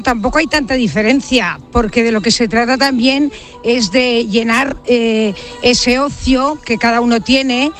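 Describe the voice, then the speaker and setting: Outdoors in a meadow, a person from Barcelona, Spain, who organises a pilgrim group answers interview questions casually and explanatorily. The voice is mid-range with a fairly bright tone.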